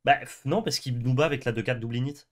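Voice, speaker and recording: A young man co-hosts a card game stream in an excitable, casual way. He swears easily and breaks into laughter. His voice sits at an ordinary middle pitch. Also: fast talker. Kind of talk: casual gaming chat.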